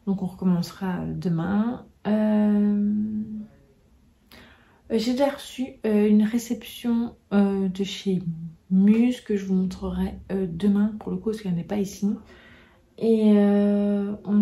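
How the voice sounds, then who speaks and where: A woman's voice: medium pitch, dark tone. A French woman vlogging in a casual chat to camera, rambling and full of fillers and restarts. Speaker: book vlogger.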